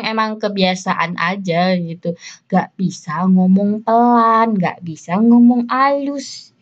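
Young javanese woman, solo podcast host, rapid rambling self-mocking chatter, mid-pitched, slightly dull lo-fi recording. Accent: Javanese Indonesian. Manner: fast, rambling, self-mocking, laughs often. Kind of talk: casual solo podcast monologue.

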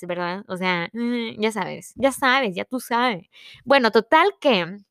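A young woman hosts a casual solo podcast, talking quickly and circling back with fillers. Her voice sits a bit high and sounds smooth and clear, recorded dry and close with no room sound. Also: fairly bright tone, no room sound. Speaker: podcast host. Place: home in Dallas.

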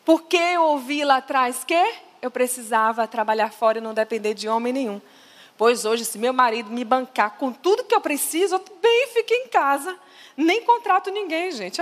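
Woman preaching to ladies, high voice, asks the crowd stuff a lot, big hall echo. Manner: lively, emphatic, asks the audience questions. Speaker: speaker at a women's faith conference. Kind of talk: preaching talk to women.

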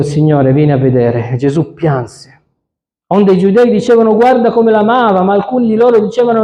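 Solemn preacher in an echoey church. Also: male voice, high voice, dark tone. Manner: slow, solemn reading that turns into emphatic preaching. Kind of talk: sermon with Bible reading. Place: church hall.

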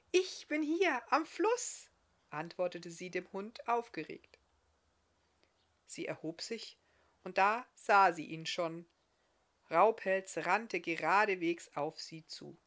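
A woman, the author, reading her fairy-tale novel aloud in a calm, expressive storytelling manner. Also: on the low side.

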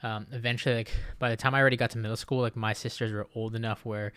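A man in his late twenties from Japan hosts a casual solo podcast. He rambles with "like" and "um" and restarts his sentences. His voice is smooth and clear, and it is captured dry and close, with no room echo. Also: mid-range voice, flat delivery, fast talker, fairly bright tone. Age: late 20s. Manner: rambling, full of "like" and "um" fillers and restarts. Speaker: podcast host.

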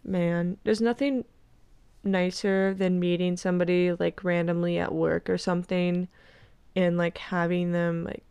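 A woman in her twenties hosts a podcast, chatting casually and rambling, with "like" sprinkled everywhere. Her voice is smooth yet lowish and dark, with gravelly vocal fry beneath it and a stuffed-up nose; her tone stays level and unhurried. The recording is dry, with no room echo.

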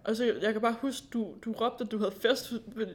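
Livlig ung kvinde, der fortæller. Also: female voice, fairly high pitch. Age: young adult. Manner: lively storyteller, laughs often. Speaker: podcast co-host. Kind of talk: casual chat.

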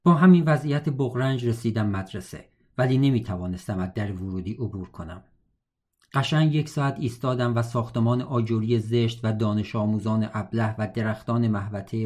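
A man's voice: fairly low pitch, a little mellow. Man reading a novel aloud. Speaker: audiobook reader. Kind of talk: novel read aloud with casual asides.

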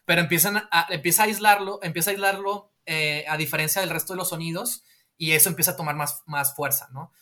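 A man casually pitching a film scene in a rambling way, tagging his lines with a question. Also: steady tone, fast, sharp tone.

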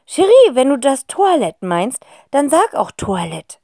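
A woman's voice: high voice, big pitch swings, a little slow, darkish tone, dry recording, clean studio sound, voice pushed up, exaggerated voice. A woman voicing a vain, male talking fox-fur scarf, speaking in an indignant whisper. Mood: prim.

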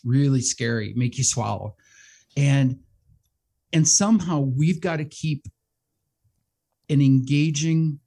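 A middle-aged man who hosts a radio show, talking as a guest in a casual interview, animated and self-deprecating, laughing often. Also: mid-range voice, breathy edge. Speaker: radio show host and behavioral health manager, guest.

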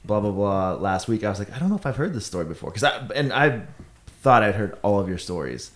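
A man's voice: on the low side, big pitch swings, fast. A man chatting casually with friends, rambling a little and dropping dry jokes. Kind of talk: casual banter.

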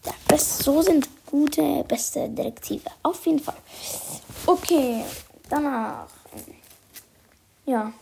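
A woman's voice: high voice, slow pace, gravelly, pauses often, dark tone, a little hiss or hum. A woman reading a children's book aloud and commenting on it in a chatty, hesitant way. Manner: hesitant, many fillers, amused asides.

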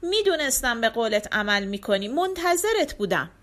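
A woman's voice: extremely high pitch, sharp tone, echoey room, pitched above the performer's own voice. A woman voicing a young male hero king in a storybook, calling out eagerly in a raised voice. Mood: joyful.

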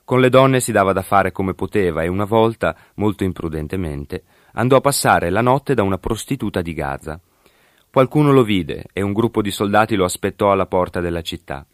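Deep-voiced man narrating a story. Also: expressive, dry recording, studio quality. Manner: measured, formal storytelling. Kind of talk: scripted narration.

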